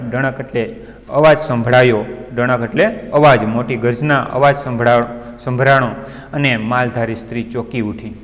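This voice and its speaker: A man's voice: medium pitch, fairly bright tone. A male teacher giving an online class, retelling a story and stopping often to explain the meaning of words. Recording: long reverb.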